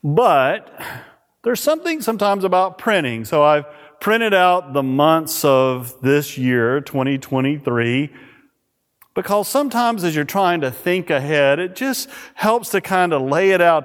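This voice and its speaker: A pastor preaching a sermon at a pulpit microphone in a church, reading scripture and praying in a measured, emphatic way. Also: male voice, on the high side. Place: church sanctuary. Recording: reverberant church hall.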